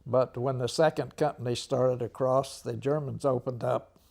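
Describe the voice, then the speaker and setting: Recalling the war for an interview, an American man in his nineties speaks in a halting way, frequently clearing his throat. The old veteran's mid-range voice holds a steady tone and is a little mellow.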